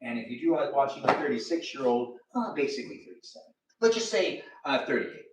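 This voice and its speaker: A man in his thirties hosts a casual livestream chat from a home kitchen area, his medium-pitched voice sing-song and brisk. He rambles playfully with sing-song asides. The camera audio sounds roomy and distant, with heavy background noise.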